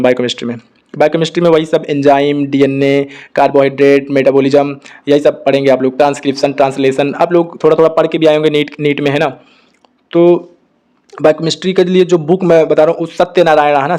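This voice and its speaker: A young man, a doctor, giving casual advice to students and checking in with "okay" after almost every point. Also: on the high side. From India. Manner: talks fast in a flat tone, with constant "ठीक है" check-ins. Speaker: doctor giving study guidance.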